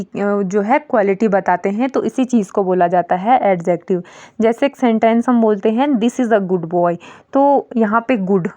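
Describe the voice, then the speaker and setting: A woman teaching beginner English grammar, patiently explaining each point with simple examples and reading the example sentences slowly and clearly. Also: medium pitch, a little mellow.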